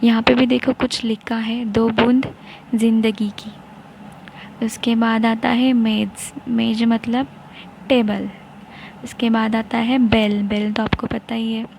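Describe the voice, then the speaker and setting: A woman's voice: on the high side, little pitch movement, slow pace, vocal fry, a little mellow, a little hiss or hum, low-quality recording. A woman teacher reading out a word list to young pupils, explaining each word simply. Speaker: primary school teacher.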